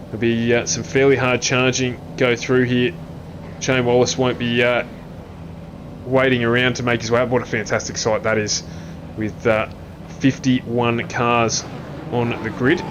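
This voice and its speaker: A man commentating an online sim race, reading grid positions and calling incidents. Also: background noise. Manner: reels off names, jumps in pitch at crashes.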